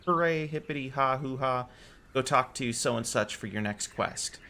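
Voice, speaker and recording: A man voicing a polite, grateful female alchemist quest-giver from a game, in a gushing falsetto. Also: normal speed, sharp tone. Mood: cheerful.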